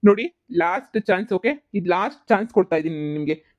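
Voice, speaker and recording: A strict young businessman, voiced for a cartoon, who rattles off quick, lecturing lines and keeps asking "okay?". His mid-pitched voice comes through dull, lo-fi audio. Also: expressive, natural voice. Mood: firm. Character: strict young male businessman judging products. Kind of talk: cartoon voice acting.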